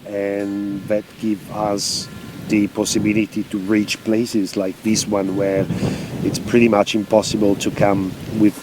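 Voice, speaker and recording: A man with an Italian accent, from Italy, speaking halting, simple English with many fillers in a casual interview outdoors by a camper van. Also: on the low side. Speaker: interviewed traveler.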